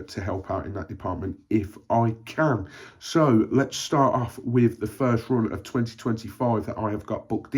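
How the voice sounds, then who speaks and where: Brief: young Birmingham-accented man, low-pitched, chatty vlogger, encouraging, fillers. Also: a little mellow. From Birmingham, England. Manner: chatty and encouraging, frequent ums and uhs. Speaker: running vlogger. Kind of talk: casual vlog talk to camera.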